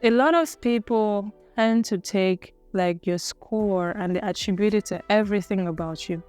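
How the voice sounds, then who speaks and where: Young woman from Cameroon, vlogger, earnest reflective storytelling, clean resonant voice, soft music underneath. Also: medium pitch, moderate pace. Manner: earnest, musing, self-correcting.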